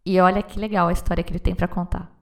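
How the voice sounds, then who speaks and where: A woman's voice: on the low side, level tone, rapid-fire. A woman hosting a podcast, chatting casually and asking her guests follow-up questions. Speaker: podcast host. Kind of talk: casual interview chat.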